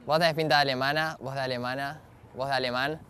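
A man's voice: mid-range voice, fairly even intonation, quick pace, bright, forceful tone. A young man with an Argentine accent, teasing strangers with brash, cheeky banter outdoors in a park as a street prankster. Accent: Argentine Spanish.

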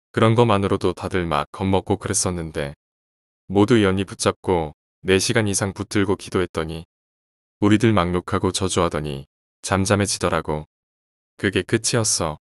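A man calmly reading out horror stories in an even, casual storytelling way. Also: sits low, dry recording, studio quality. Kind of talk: scripted horror story narration.

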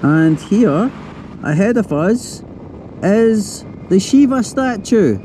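A man's voice: sits high, animated, slow pace, poor audio. A Scottish man vlogging enthusiastically from a helicopter, talking straight to his viewers. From Scotland. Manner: enthusiastic, addresses viewers directly. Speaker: travel vlogger. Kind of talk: casual vlog narration. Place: helicopter over a lake, then outdoors at an airstrip. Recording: loud engine and outdoor noise.

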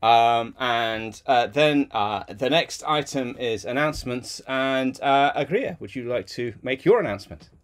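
A man's voice: medium pitch, measured pace, hardly any pauses. A man chairing an online community call in a chatty way, with many fillers, over a video call mic. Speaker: meeting chair.

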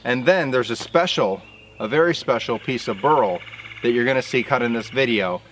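A man in his thirties talks through his sawmill work in a relaxed, folksy how-to manner. His voice sits at an ordinary middle pitch, caught on a camera mic in an open field. A faint outdoor hum runs behind him. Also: normal speed. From southern Indiana. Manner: casual, explanatory, folksy. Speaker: sawmill operator.

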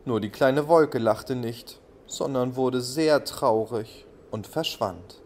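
A man telling a bedtime story for small children, calm and gentle in his delivery. His voice sits at an ordinary male pitch. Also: slow, slight background noise. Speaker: narrator. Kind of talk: bedtime story audio play narration.

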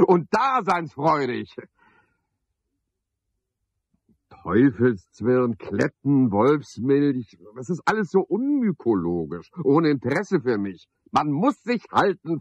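In a 1970s German radio play monologue, an actor plays a cynical, self-satisfied, talkative night caretaker, holding a pompous, sardonic one-sided conversation. His mid-range, slightly rough voice is heavily acted, theatrical and very animated, exclaiming and scolding. The vintage studio recording is dry, slightly dull and has no echo.

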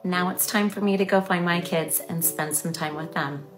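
A woman's voice: fairly low pitch, steady tone, moderate pace, faint music behind. A woman in her thirties speaking to camera as a children's story host, in a scripted, friendly presenting style.

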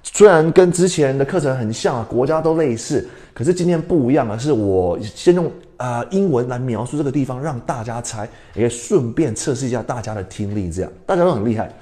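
A man's voice: mid-range voice, lively intonation, a little fast, hardly any pauses, warm tone. A young adult man from Canada teaching an English lesson on a livestream, switching between Mandarin and English and quizzing his viewers.

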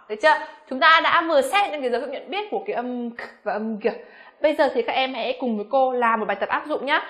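Woman, pronunciation teacher, bright slightly high voice, quizzes the class and models each word slowly. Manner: addresses learners as "các em", frequent rhetorical questions; slows down to model English words slowly. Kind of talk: classroom-style pronunciation lesson.

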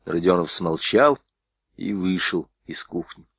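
A man reading a historical novel aloud as an audiobook narrator, expressive delivery. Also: low voice, measured pace, husky, dry recording, studio quality.

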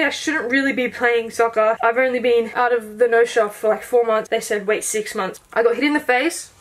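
A young Australian woman talking to her camera in a casual, excitable vlog update, swearing freely. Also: fairly high pitch. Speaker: vlogger.

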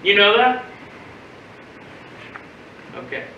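A man's voice: high-pitched, very slow, highs cut off, a little hiss or hum, full character voice. A young man playing a folksy uncle out fishing. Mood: soothing. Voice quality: folksy, coaxing, animated. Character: genial Southern uncle teaching a boy fishing. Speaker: stage actor. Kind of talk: live stage monologue. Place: theater stage. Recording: very echoey theater from far off.

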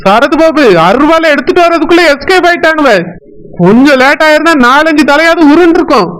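A hot-headed, fiercely protective village brother voiced by a man boasts and threatens in a Tirunelveli Tamil accent. His voice sits very high. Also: a little fast, a bit bright, rough recording. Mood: angry. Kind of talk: cartoon voice acting.

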